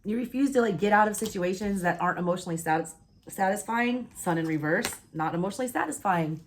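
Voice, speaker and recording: A woman's voice: medium pitch, fast, a little hiss or hum. A woman with a Southern US accent giving a blunt, casual tarot reading, swearing freely and checking in with "all right?" while hiccuping. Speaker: tarot reader.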